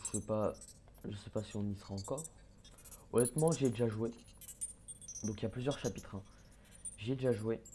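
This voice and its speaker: This gaming YouTuber is a young man whose voice is mellow and fairly low. His let's-play talk is casual and halting, packed with fillers and false starts, and he mumbles to himself as he games over faint background noise.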